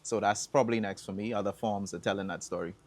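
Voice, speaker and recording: A Bahamian man telling stories as an interview guest, relaxed and chatty, with bursts of excited whoops. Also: on the low side, fast. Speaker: songwriter and environmental advocate guest. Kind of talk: casual interview answers.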